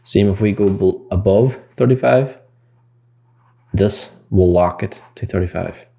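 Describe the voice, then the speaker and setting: Deep gravelly man explaining code. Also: unhurried, warm tone. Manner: explains code step by step, thinking aloud; corrects himself mid-sentence. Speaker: game development tutor. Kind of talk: screen-recorded coding tutorial.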